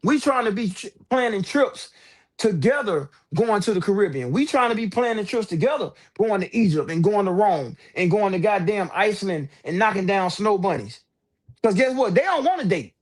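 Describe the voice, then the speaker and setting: A man with a notably high voice talks straight to his viewers over livestream headset audio. His delivery is loose, slangy and fired up, with the unpolished feel of a home stream. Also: animated, moderate pace. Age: adult with several children. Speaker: livestream host. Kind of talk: casual livestream talk.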